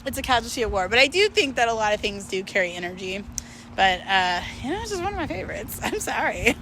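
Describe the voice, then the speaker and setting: A vlogger talks casually and candidly to camera, rambling, poking fun at herself and swearing freely in a confessional style. Her voice is on the high side, very animated and fairly bright, and she speaks fast over slight background noise.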